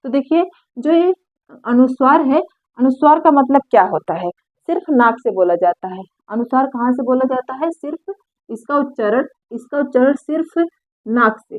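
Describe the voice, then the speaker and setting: A woman teaching Hindi grammar for an exam, asking questions and repeating the key terms back slowly. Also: high voice, dry recording. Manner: slows and drops her voice on key terms. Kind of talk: exam-prep lesson. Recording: dry, phone-like narrow sound.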